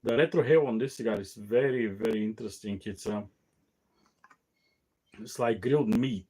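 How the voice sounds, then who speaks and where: Halting, tired man hosting a cigar show. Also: on the low side, darkish tone. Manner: halting, many fillers and restarts. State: tired, yawning. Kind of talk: casual solo talk show.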